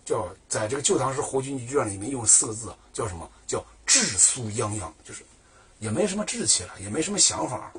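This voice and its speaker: A man's voice: mid-range voice, quick pace. A man telling a history story in a chatty colloquial way, asking himself questions and answering them. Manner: lively, chatty, asks and answers his own questions.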